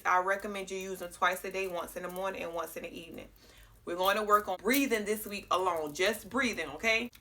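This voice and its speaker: A woman teaches a casual breathing lesson, speaking straight to viewers and often checking in with "okay?" Her mid-range voice is bright and forceful, though she sounds slightly clogged from being a little congested.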